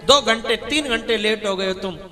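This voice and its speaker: A man doing a shrill, scolding young wife. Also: moderate pace, close to an everyday voice. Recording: long hall reverb with music behind.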